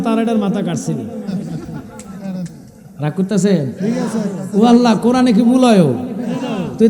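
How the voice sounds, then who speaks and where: A man preaches to a large gathering, needling the listeners with pointed questions and now and then chanting religious phrases. His voice sits high. It carries through a loudspeaker with a long, hall-like echo over a crowded gathering. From Bangladesh. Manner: provocative, teasing the crowd with questions. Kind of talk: Islamic sermon to an outdoor gathering. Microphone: loudspeaker microphone. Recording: echoey PA sound at a crowded gathering.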